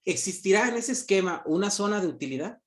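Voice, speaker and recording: Joking teacher lecturing online. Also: male voice, high voice, expressive, fast talker, fairly bright tone. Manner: joking, asks questions and answers them himself. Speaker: university economics teacher.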